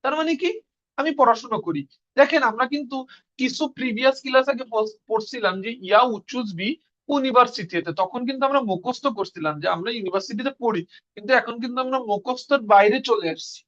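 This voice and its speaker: A man's voice: extremely high pitch, a little fast, a bit bright, lo-fi sound. A man teaching Russian in an online class, explaining step by step and answering his own questions.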